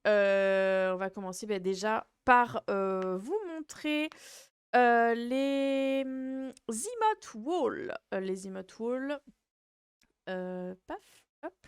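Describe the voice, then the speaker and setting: A woman's voice: on the high side, extremely slow, clean tone, no echo, studio quality. A woman hosting a livestream in casual chat, with a cute, playful and rambling, hesitant way of talking. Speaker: VTuber livestream host.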